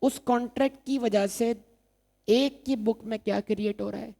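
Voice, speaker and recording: A man's voice: extremely high pitch, fairly even intonation, moderate pace, gravelly, mellow. A man lecturing on accounting, asking the class questions and answering them himself while repeating key terms. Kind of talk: recorded exam-prep lecture.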